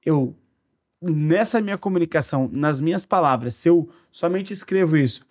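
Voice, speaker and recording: Man, podcast co-host, casual explanatory chat, lively examples, a bit high-voiced. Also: a little fast. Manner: animated, explains with playful examples.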